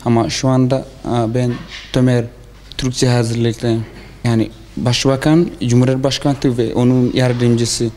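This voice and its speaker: A young man from South Sudan with a South Sudanese accent gives interview answers haltingly, in the broken Turkish of a non-native learner. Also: medium pitch, little pitch movement, darkish tone, a little hiss or hum. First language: not Turkish. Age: young adult. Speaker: foreign student being interviewed.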